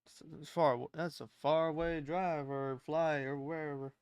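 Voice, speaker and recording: A man's voice: a little high, flat delivery, normal speed, clear, resonant tone, no room sound. A young man co-hosting a livestream, chatting casually in slangy, informal language. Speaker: livestream co-host. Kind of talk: casual chat.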